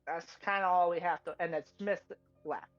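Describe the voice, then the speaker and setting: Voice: mid-range voice, steady tone, moderate pace, a bit bright, muffled recording, soft background music. A tabletop role-play player thinking aloud, rambling through theories in character.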